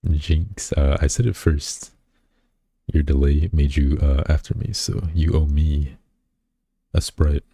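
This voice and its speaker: This VTuber streamer has a very deep, dark, husky voice that barely moves in pitch and comes slowly, recorded dry and close with no echo. Loosely chatting on a live stream, he reads viewers' comments back to them, rambling, restarting sentences, using plenty of fillers and poking fun at himself.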